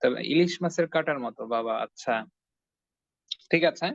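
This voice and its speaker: A man teaching Quran reading online, patiently repeating phrases and drilling syllables slowly with his students. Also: a little high, no echo. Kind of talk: online Arabic letter lesson. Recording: dull dry lo-fi sound.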